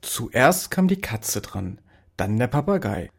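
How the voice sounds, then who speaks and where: A man reading a children's story aloud in a lively, expressive way. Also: medium pitch, slow pace, vocal fry, slightly rough.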